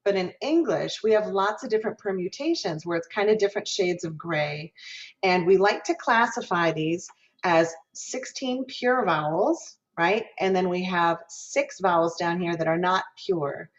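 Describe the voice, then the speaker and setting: Woman from minnesota teaching vowels on a video call, lowish voice, muffled lo-fi sound. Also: expressive, moderate pace. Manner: explanatory, demonstrates vowel sounds aloud. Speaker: guest lecturer, music professor. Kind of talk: online diction lecture. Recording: dull lo-fi video call audio.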